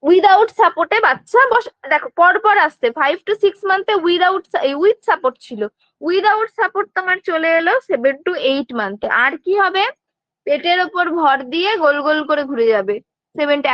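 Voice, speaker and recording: High-voiced woman teaching a class. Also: no room sound, muffled recording. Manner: explains step by step, asks and answers her own questions; frequent check-ins to students. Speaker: nursing exam tutor. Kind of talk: online lecture.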